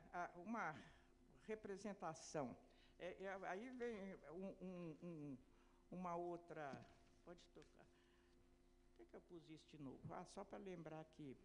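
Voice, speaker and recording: Woman, academic lecture, explanatory, rhetorical questions, middle pitch. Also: darkish tone, slight background noise. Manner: explanatory, asks and answers own rhetorical questions. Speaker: literacy education lecturer.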